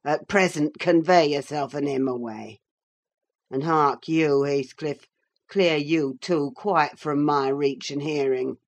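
A woman's voice: low voice, takes it slowly. A woman reading a snarling, drunken young father. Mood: mocking. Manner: snarling, reckless threats. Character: drunken cruel young father, menacing man. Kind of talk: audiobook character reading.

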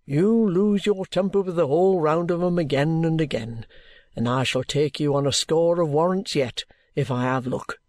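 A woman's voice: deep voice, moderate pace, darkish tone, no room sound, clean studio sound, natural voice. A woman voicing a bluff, good-humoured male police inspector in an audiobook, cajoling heartily in colloquial speech. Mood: hearty coaxing. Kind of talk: audiobook character acting.

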